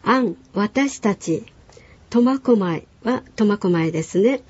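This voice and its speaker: A woman teaching language on a radio lesson, calmly explaining and modelling words for a learner to repeat. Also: medium pitch, takes it slowly, no room sound, dull audio.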